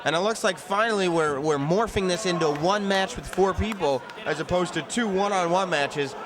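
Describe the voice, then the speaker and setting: A man's voice: sits high, normal speed, crowd noise. A man giving color commentary on live wrestling, with conversational, analytical asides. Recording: noisy live event background.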